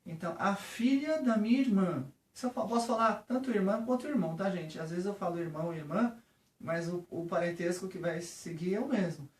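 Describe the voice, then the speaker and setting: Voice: medium pitch, brisk. Brazilian Portuguese accent, English teacher, patient lesson, frequent check-ins, roomy distant recording. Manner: patient, often checking in with the viewer.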